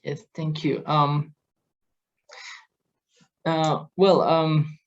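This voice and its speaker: A man giving a formal presentation over a video call, halting with many fillers and restarts. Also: on the high side, level tone, highs cut off. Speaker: presenter from a convention secretariat.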